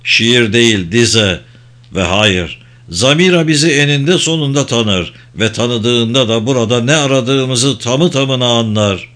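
A man playing a big, grizzled sea captain in an audiobook, speaking low, grave and measured. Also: a bit bright, lightly acted. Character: big, stern, grizzled male ship captain.

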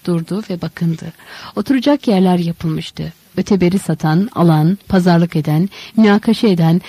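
A woman narrating a literary novel in a measured, dramatic audiobook reading. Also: lowish voice, warm tone, dry recording, low-quality recording.

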